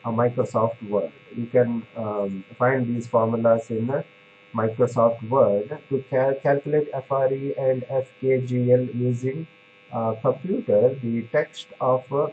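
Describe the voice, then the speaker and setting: Slow, halting male lecturer with faint hum. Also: mid-range voice, narrow, tinny audio. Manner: halting, many fillers and restarts; explanatory, checks in with "right?". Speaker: pharmacy lecturer. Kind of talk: classroom lecture.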